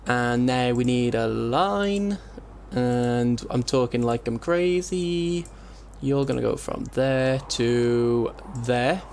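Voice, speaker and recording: A man's voice: mid-range voice, slow pace, gravelly, a little mellow, slight background noise. A man casually commentating his gameplay through a heavily compressed mic, muttering to himself as he builds, with keyboard clicks audible. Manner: muttering to himself while building, self-mocking. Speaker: let's play host. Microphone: desk mic with compressor. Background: keyboard typing.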